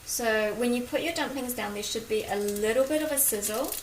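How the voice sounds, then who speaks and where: A woman with a broad Kiwi accent and a fairly high voice talks casually to livestream viewers as she cooks. She is chatty and informal, picked up on a phone in an echoey home kitchen with clear sizzle and clatter behind her. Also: brisk. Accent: broad New Zealand (Kiwi). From New Zealand. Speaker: cooking livestream host. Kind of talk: casual chat while cooking, greeting viewers. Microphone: phone, at a little distance. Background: sizzling pan, stirring, kitchen noise.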